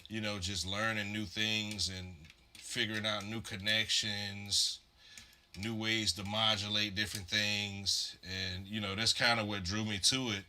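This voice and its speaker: A man from Virginia, USA hosts a live stream where he builds modular synth patches, chatting in a laid-back, rambling way packed with fillers and "man." His voice is on the low side with a sharp tone, and he sounds slightly congested as he gets over a cold.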